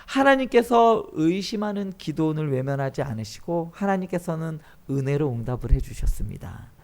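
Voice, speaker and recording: A man preaching a sermon as pastor, acting out quoted dialogue in animated voices. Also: a little high, moderate pace, creaky.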